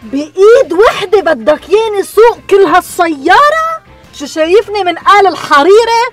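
Loud lebanese auntie behind the wheel, super high squeaky voice, all sass. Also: big pitch swings, normal speed, soft background music, heavily acted. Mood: sassy. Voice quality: shrill, sassy back-talk. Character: brash middle-aged woman learning to drive. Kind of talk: sketch comedy acting.

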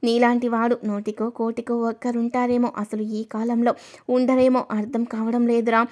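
A cheerful, joking middle-aged uncle from a narrated story, as a woman narrator puts him on. His lines come out jovial, in a voice sitting a little high. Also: flat delivery, normal speed, a little mellow, natural voice.

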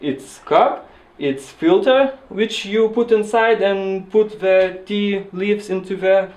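A man in his twenties with a Lithuanian accent, explaining things casually to camera in a hesitant, halting way. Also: high-pitched, a little mellow. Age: 20s. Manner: hesitant, halting with repeated words. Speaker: student interviewee. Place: small indoor kitchen. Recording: echoey kitchen with audible background noise.

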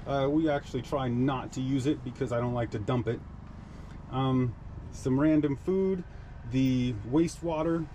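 Middle-aged guy showing off his camper, chill and practical, slightly high voice, outdoor noise in the background. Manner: relaxed, matter-of-fact, practical. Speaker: vlogger giving a camper tour. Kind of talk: casual walkthrough narration. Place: inside and around an old truck camper outdoors.

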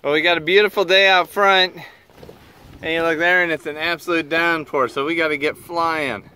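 A man's voice: fairly high pitch, moderate pace, clean tone. A man chatting casually with his kids while filming a family boat trip on a lake. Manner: relaxed, teasing, talks to the kids. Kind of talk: casual family vlog chat. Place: open motorboat on a lake, outdoors. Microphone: handheld phone camera. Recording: loud wind and boat engine noise. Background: boat engine, wind and water.

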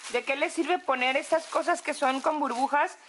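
Excitable Mexican woman with a bright voice. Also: high-pitched, a little hiss or hum. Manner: excitable, gushing, drawn-out words. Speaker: vlogger. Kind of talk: casual home vlog. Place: apartment.

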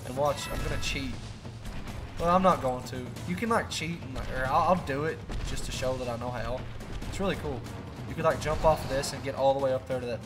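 A man's voice: mid-range voice, fairly quick. A man hosting a casual let's play, chatting, swearing freely and rambling through stories. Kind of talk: casual gaming commentary. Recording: game music underneath.

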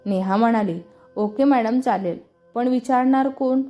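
A woman's voice: on the high side, unhurried, warm tone, faint music behind. A woman with a Marathi accent reading a story aloud and voicing every character's lines in her own voice. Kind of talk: scripted story narration voicing all characters.

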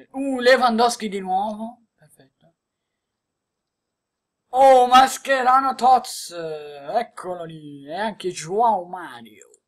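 A woman giving excited gameplay commentary as she opens card packs, exclaiming and laughing often. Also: deep voice, breathy edge. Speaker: gaming video creator.

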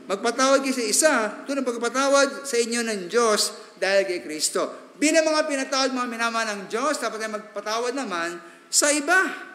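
High bright-voiced preacher in an echoey hall. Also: male voice. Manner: preaching in mixed Tagalog and English, chatty asides and tag questions. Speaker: pastor. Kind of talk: sermon. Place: church sanctuary.

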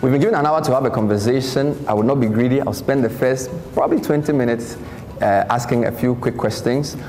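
A man, a journalist hosting an interview, formal, brisk and articulate, on a handheld mic in a large indoor hall. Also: mid-range voice, a little mellow. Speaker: journalist, event host and interviewer. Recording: roomy hall echo, faint noise.

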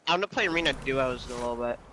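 A man's voice: mid-range voice, expressive, racing, a crowd in the background. A teenage boy gamer making laid-back, dry remarks while playing with friends. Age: teens. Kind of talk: casual game chat.

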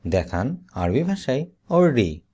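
Slow, lively-voiced man drilling vocabulary. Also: breathy edge. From Bangladesh. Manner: slow, deliberate repetition with lively pitch. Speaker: Arabic teacher. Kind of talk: slow vocabulary drill, each word said twice.

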